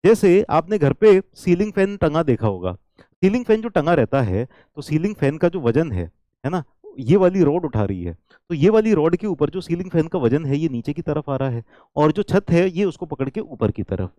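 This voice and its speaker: Lively Hindi-speaking male engineering teacher. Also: on the high side, moderate pace, no room sound. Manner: checks in often with the class, repeats key points; switches into English lines. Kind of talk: engineering lecture.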